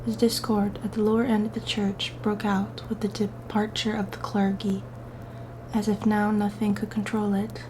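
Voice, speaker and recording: A woman reading gothic horror stories aloud for ASMR in a hushed, breathy whisper, with slow, deliberate, drawn-out phrasing and pauses. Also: mid-range voice, level tone, slight background noise, poor audio.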